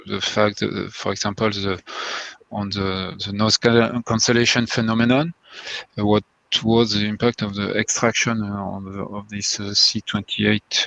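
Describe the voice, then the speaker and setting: A male examiner speaks very slowly in a low, gravelly voice at a thesis defense. He hesitates and rewords as he goes. The sound is dull and dry, like a video call. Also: fairly bright tone. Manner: hesitant, searching for words, self-correcting. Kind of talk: halting formal remarks and questions at a thesis defense.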